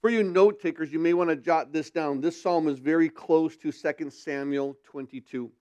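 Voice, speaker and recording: A man's voice: on the high side, moderate pace, mellow, lo-fi sound. A male pastor at a pulpit microphone, teaching a sermon and posing rhetorical questions to his congregation. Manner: asks rhetorical questions, then answers them.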